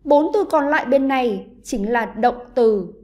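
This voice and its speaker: A woman with a Vietnamese accent, teaching an online English lesson to pupils and explaining slowly and carefully. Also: a little high, animated, dark tone.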